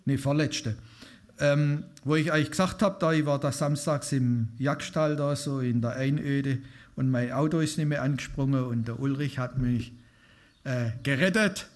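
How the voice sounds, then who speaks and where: A man's voice: mid-range voice, moderate pace. A man preaching an informal sermon to a congregation, talking conversationally and putting questions to his listeners. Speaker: lay preacher.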